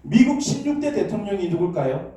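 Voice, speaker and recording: With a high-pitched, mellow voice full of big pitch swings, a pastor preaches fairly quickly. He engages the congregation in call-and-response, asking questions and prompting amens, inside a church sanctuary recorded from a distance with heavy echo.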